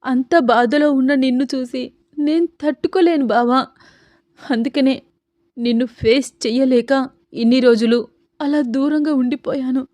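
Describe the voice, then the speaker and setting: Narrator as stubborn young heroine, pleading, defiant, dry mic. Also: female voice, sits high, normal speed, pauses often, dark tone, no echo, pitched above the performer's own voice, natural voice. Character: stubborn devoted young woman, cousin.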